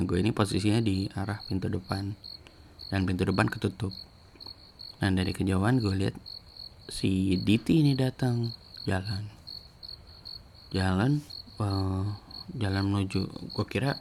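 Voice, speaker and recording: A man tells a personal story in a relaxed, rambling way, often restarting his sentences. His voice sits low and has a gravelly edge. There is a faint hiss under the recording. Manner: rambling, with many restarts and fillers. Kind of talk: casual spoken storytelling.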